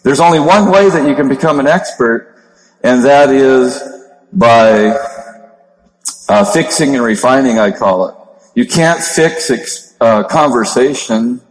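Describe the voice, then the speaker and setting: A middle-pitched man in his fifties with a Minnesota accent, talking in a steady monotone as he coaches a seminar crowd. His voice rings out with a long hall reverb, as if he is speaking in a large room. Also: a little slow. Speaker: network marketing trainer. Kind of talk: motivational seminar talk.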